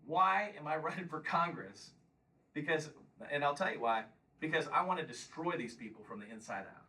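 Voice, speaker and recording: A man in his fifties, a congressional candidate, gives a combative, emphatic campaign speech and fields questions at a local meeting, repeatedly pressing "Okay?". His voice is a little high, bright and forceful, recorded roughly from far from the mic.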